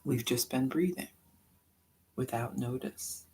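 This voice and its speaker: Breathing instructions come slowly and quietly from a meditation guide who pauses at length between phrases. The pitch is medium, with a little background noise audible.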